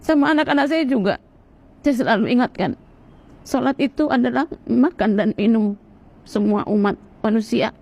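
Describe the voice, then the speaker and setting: Earnest, fairly high-voiced woman from Sumatra. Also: normal speed. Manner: earnest, animated, acts out other people's voices in quotes. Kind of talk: personal testimony, storytelling.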